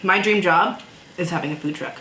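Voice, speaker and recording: A woman from Canada chatting casually over a meal, relaxed and easygoing. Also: lowish voice, brisk. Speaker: co-host. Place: indoors at a table. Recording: echoey room, faint noise.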